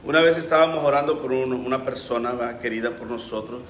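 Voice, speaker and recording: A man's voice: mid-range voice, fast, a little hiss or hum. A pastor preaching a sermon with passion, acting out the voices he quotes. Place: church. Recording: roomy echo.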